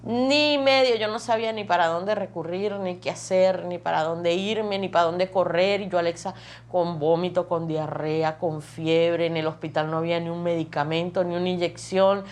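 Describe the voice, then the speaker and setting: A woman's voice: lowish voice, steady tone, normal speed, darkish tone. Woman telling her testimony. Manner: vivid, repetitive storytelling that piles up phrases. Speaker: testimony guest. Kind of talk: emotional personal testimony.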